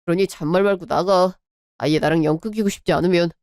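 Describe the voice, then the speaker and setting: A woman's voice: lowish voice, fairly even intonation, fast, darkish tone, no echo, studio quality, natural voice. A woman voicing a young husband in a radio drama, pleading and apologetic toward his wife and her mother. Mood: firm.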